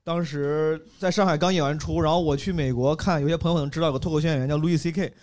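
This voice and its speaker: A man's voice: fairly high pitch, very fast. A young man from Henan, a stand-up comedian, telling a story in a casual chat and laughing as he goes. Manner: animated, laughs while telling stories.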